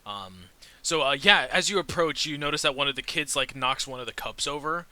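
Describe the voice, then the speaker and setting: A man running a tabletop game, improvising casual narration as game master in a halting way full of "like". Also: fairly high pitch, pushed and bright, dry recording. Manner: halting, heavy use of "like". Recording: faint hiss.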